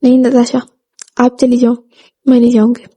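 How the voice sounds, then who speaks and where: Storybook: a woman doing a reserved elder sister, calm and brief, high and mellow. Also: normal speed, breathy edge.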